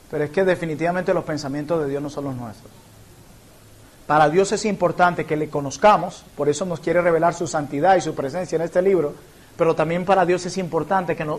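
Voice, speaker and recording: A man from Colombia, a pastor, teaching a church Bible class in an earnest, explanatory way and illustrating points with personal stories. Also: sits high.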